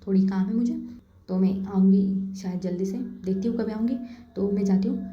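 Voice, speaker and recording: A woman voicing an anxious young woman who speaks in a quick, pressing way. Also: medium pitch, steady tone, slight background noise, lightly acted. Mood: hurried. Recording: dull, roomy lo-fi recording.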